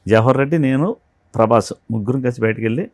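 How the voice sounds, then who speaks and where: A man, a film art director, telling animated stories from a film shoot in an interview and acting out the dialogue. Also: medium pitch, fast talker, no room sound, clean studio sound. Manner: animated storyteller who acts out quoted dialogue. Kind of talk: anecdotal interview storytelling.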